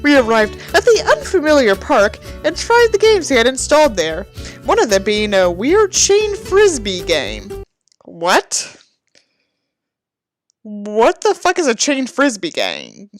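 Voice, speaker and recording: Reading slowly in a slightly high voice, a woman dramatically ridicules a poorly written book, cutting in with disbelieving, profane comments and vivid reactions. Soft music plays in the background.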